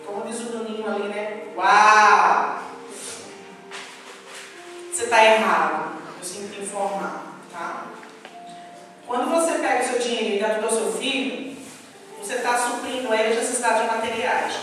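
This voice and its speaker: A woman preaches in a high, bright voice. She delivers an animated sermon and plays out her own quoted lines. She is heard from far off in a booming church hall, with music behind her. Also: a little fast.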